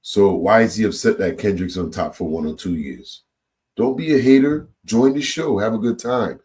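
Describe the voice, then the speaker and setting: Speaking at normal speed in a voice on the low side, this Trinidad and Tobago reaction-channel host gives viewers his opinions in an animated, loose monologue. He frequently repeats words and starts them over.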